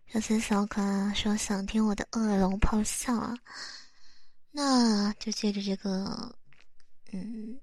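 Slow, half-whispering young woman. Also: mid-range voice, a little mellow, dry recording. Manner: half-whispered, playful and teasing. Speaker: online streamer. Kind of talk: soft-spoken chat to listeners.

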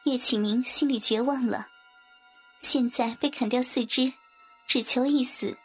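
A woman narrating a martial-arts novel in a steady storytelling manner. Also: fairly high pitch, measured pace, husky. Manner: steady storytelling, acts out characters. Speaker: audiobook narrator. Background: faint background music.

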